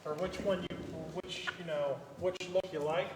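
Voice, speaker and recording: A man with a fairly high voice talks his way through a council meeting, pausing and restarting often. He sounds distant from the mic, and the chamber rings with long echo. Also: fairly even intonation, background noise. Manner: halting, thinking aloud. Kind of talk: public meeting discussion.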